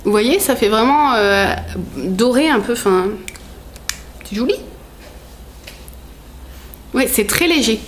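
A woman's voice: fairly high pitch, expressive, slow, long pauses, slight background noise. A woman vlogger chatting casually at home while opening gifts, rambling with many fillers, self-corrections and frequent laughter. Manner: laughs often, playful teasing. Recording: roomy echo.

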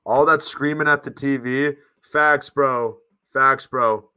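A young male streamer in his 20s runs a casual fan livestream from a small room at home, talking informally and calling his viewers "guys." He is losing his voice, which sounds tired, pushed and bright yet clean, medium-pitched, fairly even and slow. He speaks into a close desk microphone.

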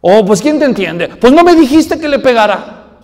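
A man doing an excited little boy. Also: extremely high pitch, moderate pace, in a large hall, pitched above the performer's own voice, exaggerated voice. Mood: indignant. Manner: breathless, eager questions. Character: small excited boy, eager tattletale.

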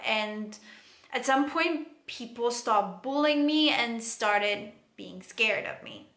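A chatty young woman with a Greek Cypriot accent talks straight to her camera, her voice bright and a touch high. The bedroom around her rings with echo, and soft music runs underneath. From Cyprus. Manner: chatty, animated, laughing asides. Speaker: vlogger. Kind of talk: casual chat to camera. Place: bedroom, indoors. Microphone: camera in front, close framing. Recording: echoey room with faint music.

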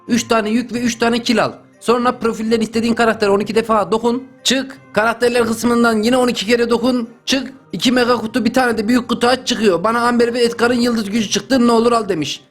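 A young man giving loud, joking, exclamatory commentary while playing a mobile game. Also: very high-pitched. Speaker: gaming YouTuber. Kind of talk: excited gameplay commentary.

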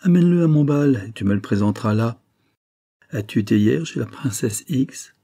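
A man's voice: medium pitch, lively intonation, normal speed, gravelly, dark tone, husky. A man reading an audiobook, voicing a haughty elderly countess who talks down to her grandson. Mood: imperious.

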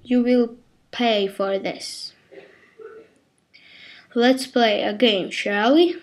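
A looming villain threatens trespassers with deadly challenges, as a woman puts him on. The delivery is slow and theatrical, pitched fairly high and held unhurried, as in a video game. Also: fairly even intonation. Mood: menacing. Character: menacing villain challenging intruders to deadly games.

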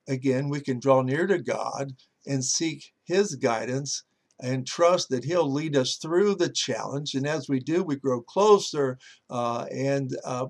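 A male pastor giving a motivational devotional talk in a folksy storytelling way, with lots of "uh" fillers. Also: fairly high pitch.

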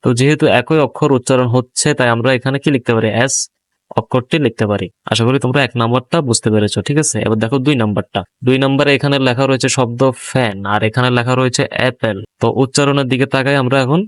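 A male teacher talks a class of young pupils through a textbook page, stopping to ask them questions. His voice is smooth and clear, at a middle pitch. The sound is close and dry. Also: fairly even intonation, quick pace, dry recording. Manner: explains each English word in Bengali, asks pupils questions. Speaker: primary school English teacher. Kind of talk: explaining a textbook lesson.

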